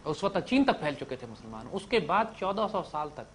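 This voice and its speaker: A man giving an impassioned lecture to young listeners, swinging from loud emphatic peaks to low drops and mixing in English words. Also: sing-song, brisk, slight background noise. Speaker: speaker addressing young listeners.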